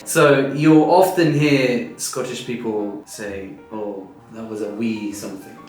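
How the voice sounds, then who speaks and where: An Englishman quizzes his friend on British words, explaining patiently and with a playful touch. His voice sits at an ordinary pitch. The room rings with a strong echo, and faint music plays underneath. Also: steady tone, a little slow, darkish tone. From Essex, east of England. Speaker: quiz host explaining British slang. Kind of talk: casual teaching chat.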